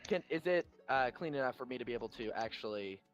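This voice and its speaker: A man's voice: mid-range voice, animated, fast talker, muffled recording, faint music behind. A man playing a tabletop game who talks through his character's actions and hesitates as he thinks aloud. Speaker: player. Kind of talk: casual tabletop play.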